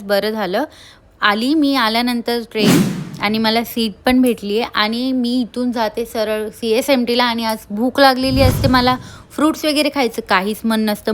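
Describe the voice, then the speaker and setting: A young woman narrates her day in a casual vlog voice-over. She talks in a chatty, easygoing way with lots of little tag words, and her voice sits a bit high. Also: slight background noise. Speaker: vlogger.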